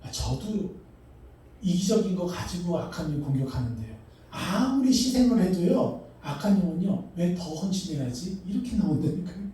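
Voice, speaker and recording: Middle-aged pastor preaching to his congregation; mellow, slightly high voice heard from afar in a reverberant church hall. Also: moderate pace. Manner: animated preaching, asks the congregation questions, acts out voices. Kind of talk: sermon. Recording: echoey hall, mic far off.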